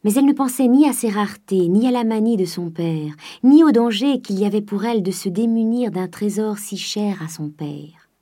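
A woman narrating a classic novel in a soft, hushed reading. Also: medium pitch, animated, normal speed. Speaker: audiobook narrator.

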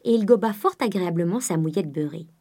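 A woman narrating a classic novel as a scripted audiobook, measured and at times dropping to a soft near-whisper. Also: on the low side, lively intonation.

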